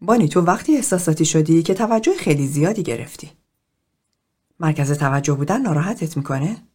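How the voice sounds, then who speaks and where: A woman's voice: deep voice, expressive, darkish tone. A woman voicing a blunt, offhand young man in a therapy group.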